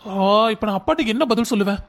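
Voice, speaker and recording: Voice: medium pitch, expressive, fast. A performer voicing an irritable scolding young man. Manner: scolding, exasperated. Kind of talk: cartoon drama voice acting.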